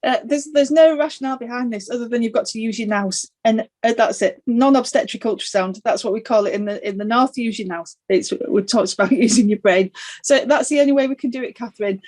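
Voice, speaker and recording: A woman's voice: on the high side, quick pace, darkish tone. A woman sonographer answering questions earnestly on a panel debate over a video call, with emphatic points and some restarts.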